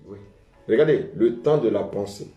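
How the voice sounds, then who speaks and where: A man's voice: fairly low pitch, lively intonation, normal speed, muffled recording, faint music behind. French-speaking preacher man in an echoey hall. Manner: preaching with call-and-response; repeats "bien aimé" often. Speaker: pastor. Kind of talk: sermon.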